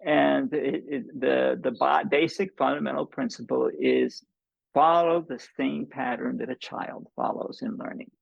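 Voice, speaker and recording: Very creaky-voiced man in his seventies. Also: medium pitch, expressive, no echo, dull audio. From United States, born in New York. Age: 70s. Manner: deliberate, repeats words and restarts phrases. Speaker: polyglot language mentor and guest. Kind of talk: casual explaining.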